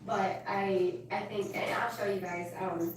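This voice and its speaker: A woman's voice: mid-range voice, steady tone, a little slow. Casting: chatty rambling woman working outdoors, voice caught from a distance, noisy background. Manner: chatty, rambling, self-interrupting. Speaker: gardening vlogger. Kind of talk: casual chat while gardening. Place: outdoors in a garden. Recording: roomy sound from off-mic with clear background noise.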